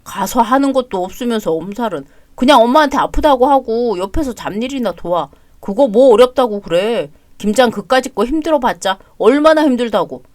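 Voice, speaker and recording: A selfish young husband brushes everything off in a whiny, dismissive drawl, as a woman puts him on. The voice sits lower than the reader's usual tone but stays fairly light. The recording is close and dry, with no room sound. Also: expressive, a little fast, few pauses, darkish tone, dry recording, close to an everyday voice. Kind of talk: audio drama story reading.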